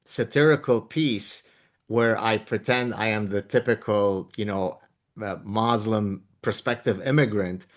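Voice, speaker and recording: A man with a Levantine Arabic accent hosts a relaxed conversational interview. His voice sits on the low side, and he explains things like a professor. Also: a little slow. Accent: Levantine Arabic, Lebanese. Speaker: podcast host and author.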